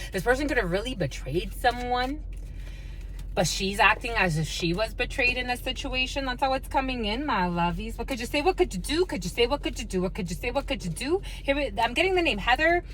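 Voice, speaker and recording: A woman host giving an intuitive tarot reading to her viewers, with halting, repetitive phrasing and affectionate asides to listeners. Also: medium pitch, a little hiss or hum, poor audio. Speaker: tarot card reader, channel host.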